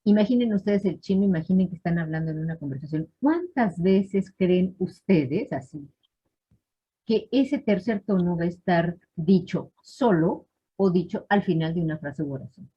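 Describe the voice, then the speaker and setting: A woman's voice: on the low side, moderate pace, slightly rough. A woman teaching a live class, explaining patiently and checking in often with her students. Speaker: language teacher. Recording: dull lo-fi online class audio.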